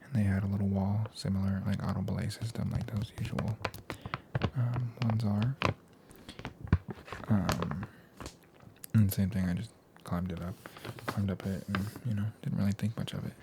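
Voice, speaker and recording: A young American man speaking in a hushed, soft ASMR voice that slips into whispers, chatting casually in a laid-back, slangy, meandering way. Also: low voice, steady tone, moderate pace, gravelly, long pauses, very noisy. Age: young adult. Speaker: ASMR video host. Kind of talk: soft-spoken ASMR, casual rambling chat.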